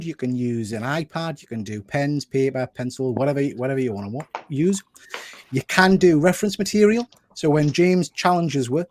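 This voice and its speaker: A man's voice: fairly high pitch, dark tone. A man casually hosting a group show in an informal, bantering way. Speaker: host.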